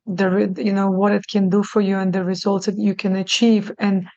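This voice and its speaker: A middle-aged woman who grew up in New York after being born in Russia, speaking with a gravelly, fry-edged voice in a narrow, even pitch. She talks haltingly and earnestly, restarting her sentences, and the sound is dry and slightly dull, as if on a lo-fi line. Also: no echo. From born in Russia, raised in New York. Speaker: guest, clinic CEO. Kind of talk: casual podcast interview.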